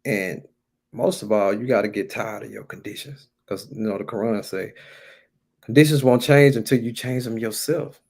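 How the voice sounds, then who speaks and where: This American man has a lowish, creaky, slightly rough voice with a little mellowness, and he speaks at a moderate pace. He delivers an informal sermon in a colloquial style, exhorting his listeners by stressing and repeating key phrases.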